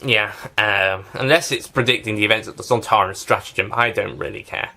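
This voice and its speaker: A man's voice: on the low side, fairly even intonation, brisk, vocal fry, bright, forceful tone. A man giving a casual spoken review of a TV series, rambling and often restarting and correcting himself.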